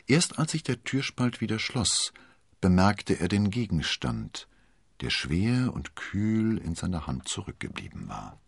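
Male audiobook narrator, deep and husky, expressive storytelling. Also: no echo, clean studio sound.

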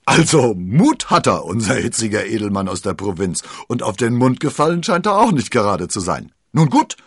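A man's voice: fairly low pitch, big pitch swings, normal speed, husky, no room sound, studio quality, pitched above the performer's own voice, exaggerated voice. A man voicing a proud, wounded musketeer, delivering his lines raised and declaiming. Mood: bold, rousing. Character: proud wounded male musketeer, cool and commanding.

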